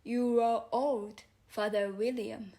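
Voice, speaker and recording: Woman acting out a stern storybook caterpillar, contemptuous, curt, high-pitched, slow and drawn-out. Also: steady tone, dark tone. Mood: commanding.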